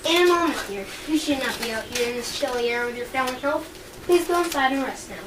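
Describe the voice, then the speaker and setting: A woman's voice: high voice, fast talker, a bit bright. A woman playing a principled, troubled Roman conspirator, speaking earnestly in an amateur stage performance. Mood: gentle. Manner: earnest, insistent. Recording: distant mic, noisy room.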